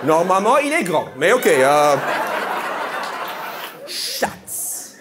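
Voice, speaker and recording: A man's voice: high-pitched, sing-song, very slow. A man doing stand-up comedy, quizzing the audience with playful, incredulous questions. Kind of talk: crowd-work stand-up comedy. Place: comedy venue with a live audience. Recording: live audience and room noise.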